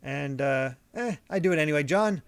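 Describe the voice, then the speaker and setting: A man's voice: fairly high pitch, animated, normal speed, gravelly, clean tone. A man hosting a casual gaming podcast, chatty and upbeat, laughing often. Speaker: podcast host.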